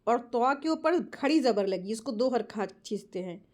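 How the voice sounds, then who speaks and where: A woman's voice: fairly high pitch, lively intonation, darkish tone. Woman teaching Quran recitation rules. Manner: slow, drawn-out model recitations between quick explanations. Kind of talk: step-by-step tajweed lesson.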